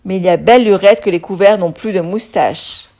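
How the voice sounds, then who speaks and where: A woman's voice: medium pitch, a little fast, dark tone, natural voice. A woman voicing a jolly vegetable king in a children's storybook, amused and questioning.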